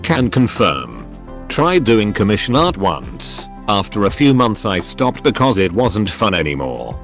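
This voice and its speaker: A man with a fairly low voice reads forum posts aloud as scripted narration, his pitch swinging widely from line to line. He reads abbreviations and punctuation marks out literally. Faint music plays underneath. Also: huge pitch swings, measured pace. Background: faint background music.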